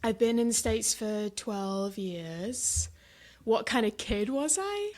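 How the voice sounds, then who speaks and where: A woman in her thirties from the south of England, with a southern English accent, chatting as a guest in a casual interview, self-deprecating and quick to laugh. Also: a little high, animated, a little mellow. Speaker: guest, supper club founder.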